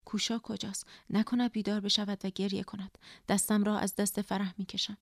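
A woman reading first-person literary narration in a subdued, quiet, introspective way. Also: mid-range voice, little pitch movement, no echo, studio quality. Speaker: audiobook narrator.

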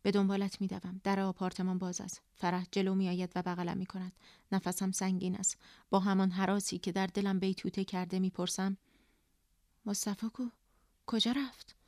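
A woman reading first-person literary narration in a subdued, quiet, introspective way. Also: mid-range voice, monotone, no echo, studio quality. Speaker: audiobook narrator.

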